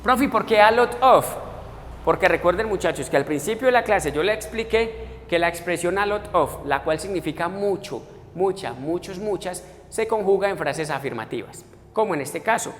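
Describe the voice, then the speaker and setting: A man's voice: high voice, animated, moderate pace, slight background noise. Patient male English teacher, echoey room. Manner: explains step by step, addressing students as muchachos and voicing their questions. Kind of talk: recorded classroom lesson. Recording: echoey room with faint music.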